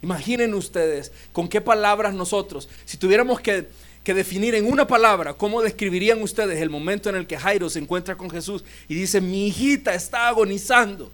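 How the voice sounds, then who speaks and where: A man's voice: high-pitched, a little fast, a bit bright. A male pastor preaching a sermon in a church, retelling scenes and asking the congregation questions.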